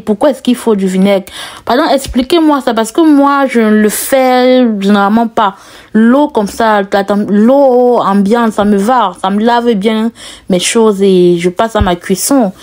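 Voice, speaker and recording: A woman's voice: medium pitch, a little mellow. Woman, Cameroonian French accent, cooking vlogger, chatty, talks straight to viewers, laughs a lot. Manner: chatty, addresses viewers directly, laughs often. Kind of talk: casual cooking vlog.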